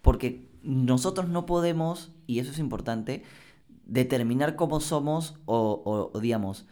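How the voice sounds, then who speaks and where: Man musing in halting casual chat. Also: mid-range voice, warm tone. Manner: reflective, halting, frequent restarts. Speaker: podcast co-host. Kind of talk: casual conversation.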